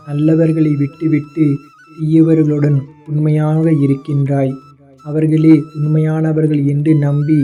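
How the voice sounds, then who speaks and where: A man voicing a gentle god, dark and flat. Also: a little high. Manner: tender, reassuring, calls the listener his child. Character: gentle divine father god consoling a devotee. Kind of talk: scripted devotional address. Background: faint instrumental music.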